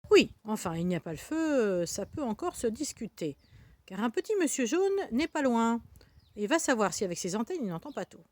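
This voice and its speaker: A woman voicing a wry, teasing story narrator who speaks in hushed, sly asides. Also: on the high side, big pitch swings, a little fast, no room sound.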